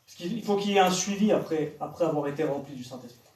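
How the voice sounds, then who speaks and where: The preacher's voice runs on the high side with a darkish tone, moving quickly as he confronts the youth before him with direct questions. He is an evangelist in a church hall, recorded from afar with plenty of echo.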